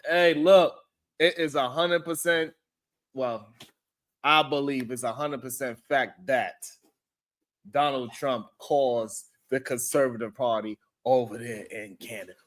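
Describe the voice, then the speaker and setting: A man's voice: medium pitch, fairly even intonation, a little slow, a bit bright. A man hosting a casual livestream, talking loosely and rambling as he greets viewers in the chat and chuckles often.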